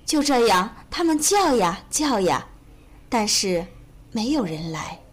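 A woman reads a children's storybook aloud in a high, bright voice that rises and falls in a lively sing-song. Her telling is gentle and expressive, made for young listeners. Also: slow pace, slightly rough.

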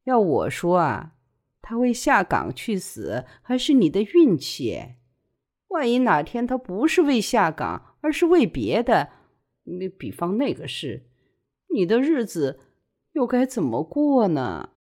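A woman's voice: fairly high pitch, wildly swooping pitch, normal speed, pitched above the performer's own voice. A woman voicing a blunt woman friend who scolds and pleads. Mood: pleading.

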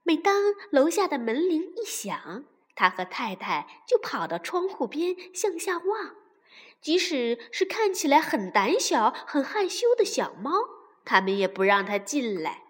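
A woman slowly reading a children's story aloud, expressive and at times dropping to a whisper. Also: high-pitched. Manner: slow, expressive, sometimes whispering. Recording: long reverb.

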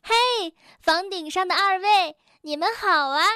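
A woman voicing an excitable young rabbit in a children's storybook, in a squealing, eager way. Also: very high-pitched, a little slow, no room sound, clean studio sound, voice pushed up, exaggerated voice. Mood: excited.

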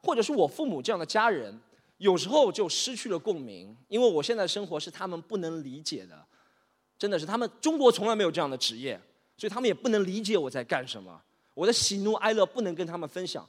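Fast, animated stand-up comedian in his 30s. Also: sits high. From Shanghai. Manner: animated, mixes English into his talk, acts out characters. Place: stage in a hall. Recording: reverberant hall.

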